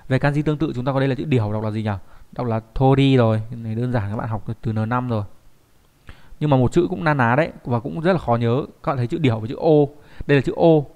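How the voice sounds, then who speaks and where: A man teaches kanji in an online lesson. His pitch sits in the middle range. He keeps checking in with the class through rhetorical questions as he explains. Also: fast talker, darkish tone.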